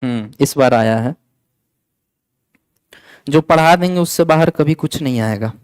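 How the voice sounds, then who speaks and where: A man's voice: medium pitch, a little slow, smooth, no room sound, rough recording. A man teaching a physics lecture in mix, chatty and coaxing, repeating key points and scolding students playfully. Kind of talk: classroom lecture.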